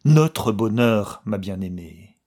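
Heartbroken young guy read by a man, slow, husky, insistent. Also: fairly low pitch, expressive, a little mellow. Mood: pleading. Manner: earnest, commanding, pleading.

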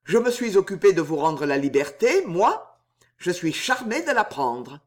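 A reader voicing a haughty, hot-tempered male count in a swashbuckling audiobook, sneering and quick to rage. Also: medium pitch, very animated. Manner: sneering, then raging.

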